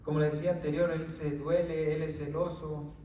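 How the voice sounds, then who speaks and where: A man's voice: fairly high pitch, little pitch movement, brisk, warm tone, slight background noise. A male preacher giving an informal Bible teaching to a small group, often tagging his lines with "right?" and "brother" and stumbling over words. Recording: echoey room, distant mic.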